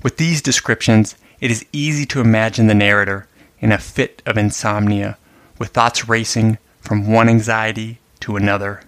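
A male host reads a sonnet aloud in a measured, careful way, then talks through its meter and imagery as literary commentary. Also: lowish voice, steady tone, no echo. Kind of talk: poetry reading and literary commentary.

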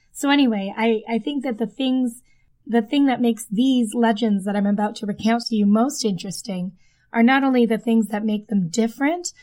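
A woman's voice: medium pitch, darkish tone. A woman hosting a podcast, telling stories in a chatty way that circles back on itself, recorded under a blanket fort in her den. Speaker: podcast host. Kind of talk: casual podcast storytelling. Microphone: desk microphone under a blanket.

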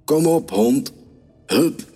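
A man voicing a bossy young child who plays a hunter, shouting and swaggering. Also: on the low side, steady tone, takes it slowly, voice pushed up. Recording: reverberant room with soft music.

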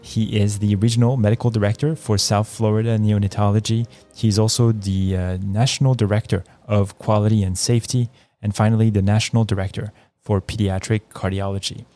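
A man's voice: lowish voice, little pitch movement, fairly quick, warm tone, no room sound, faint music behind. A man hosting a podcast, introducing and questioning a guest with a friendly, slightly hesitant manner. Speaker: podcast host. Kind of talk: podcast interview.

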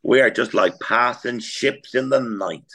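A man co-hosting a podcast, talking in a relaxed way and prompting his partner. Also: mid-range voice, a little slow. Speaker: podcast co-host. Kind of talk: casual chat.

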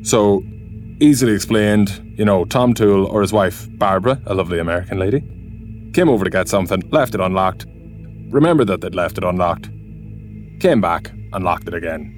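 A deep-voiced man with an Irish accent recounts a personal experience. His telling is conversational and colloquial, and faint music plays behind him. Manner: colloquial, peppered with "like, you know". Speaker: guest narrator. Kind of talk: personal storytelling, conversational narration.

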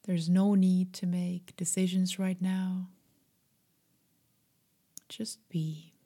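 A woman guiding a meditation in a soft, breathy, half-whispered voice, gentle, soothing and unhurried. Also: lowish voice, level tone. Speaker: meditation guide. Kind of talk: slow guided meditation.

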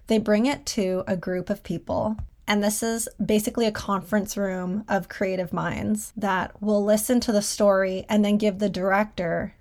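A woman hosting a solo podcast from her closet at home, talking casually and conversationally with a self-deprecating streak. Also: medium pitch. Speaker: podcast host and designer. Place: small clothes closet at home.

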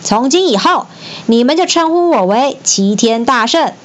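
Brief: brash boastful monkey king, put on by a woman storyteller, pitched high. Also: animated, normal speed. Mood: gleeful. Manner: boastful, scornful.

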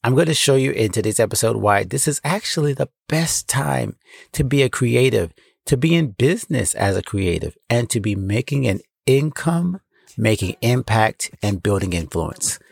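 American guy doing a solo podcast, creaky voice, encouraging, super dry closet recording. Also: mid-range voice, expressive, normal speed, no room sound. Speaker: podcast host and founder. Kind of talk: solo podcast talk, addressing listeners. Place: clothes closet at home.

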